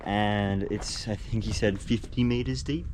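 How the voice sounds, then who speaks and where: A young travel vlogger with a slightly low voice, chatting casually and cursing as he walks through old sites. His handheld recording picks up plenty of noise around him. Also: fairly even intonation, a little slow. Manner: casual, swears a lot, jokey. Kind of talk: casual vlog narration. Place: exploring historic buildings and a cave, partly indoors.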